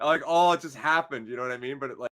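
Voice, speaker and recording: A man in his twenties co-hosts a casual gaming podcast, telling stories in loose slang with a laid-back manner and frequent laughter. His medium-pitched voice is a bit bright, and he talks fast.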